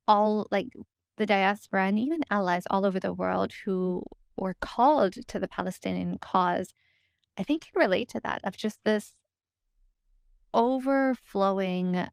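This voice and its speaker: This American woman has a smooth, mid-range voice, captured dry and at studio quality. She's a co-founder appearing as a podcast guest, recounting her story conversationally. Her reflective, informal speech is sprinkled with "like" and "you know."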